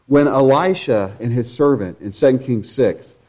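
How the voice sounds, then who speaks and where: A man preaching a sermon in a church, earnest and emphatic, stacking repeated phrases and moving between loud proclaiming and low, quiet reflection. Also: moderate pace.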